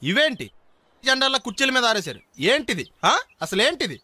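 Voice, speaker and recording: A man's voice: very high voice, sing-song, a little fast, bright, forceful tone, dry recording. A man delivering fussy, indignant comic film dialogue. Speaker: comic actor in film scenes.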